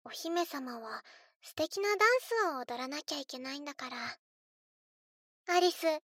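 A high, childlike little girl, speaks slowly in a cutesy, coaxing way. She is spoiled and eerily sweet, addressing the listener as her living doll in a scripted role-play, recorded close and dry. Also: no room sound. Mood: wistful, sweet. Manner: cutesy, coaxing, childlike, refers to herself in third person.

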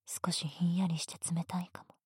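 A woman voicing a teasing, domineering female teacher in a whispered roleplay, speaking in a soft, breathy, bossy way. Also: fairly low pitch, little pitch movement, fairly quick, dry recording, studio quality. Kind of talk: erotic ASMR roleplay.

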